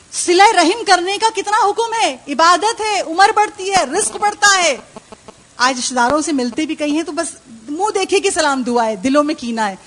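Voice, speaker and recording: High-voiced woman preaching a majlis sermon. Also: fairly bright tone. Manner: preaching with rhetorical questions and acted quotes. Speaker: religious speaker at a majlis.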